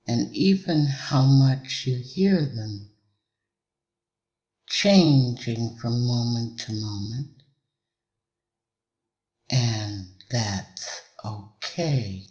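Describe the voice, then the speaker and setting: A man delivers a hypnotic induction in measured, deliberate short phrases with long pauses between them. His medium-pitched voice is a little mellow, and the highs are cut off.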